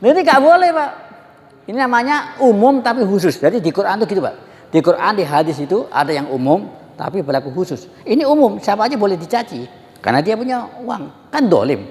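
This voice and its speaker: A man's voice: sits high, fairly quick. Joking male religious teacher, long reverb. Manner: lively, joking, often addressing listeners as "Pak". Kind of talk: religious study talk.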